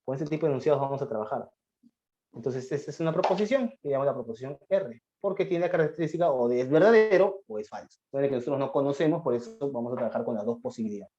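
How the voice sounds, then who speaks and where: Man lecturing slowly, dull lo-fi sound. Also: mid-range voice, animated, warm tone, a little hiss or hum. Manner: explains by voicing students' questions and answering them, often slowing to dictate. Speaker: math teacher. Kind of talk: classroom lecture on logic.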